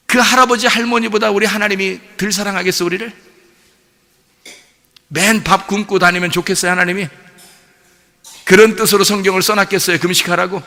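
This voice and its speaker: A male pastor preaching a sermon in a lively way, asking rhetorical questions and laughing along. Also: high-pitched. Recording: long hall reverb.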